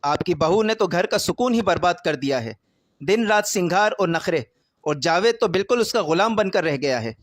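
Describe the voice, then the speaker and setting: A man voicing a jealous, sharp-tongued older mother-in-law with a taunting, sarcastic manner. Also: high voice, expressive, no room sound, clean studio sound. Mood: angry.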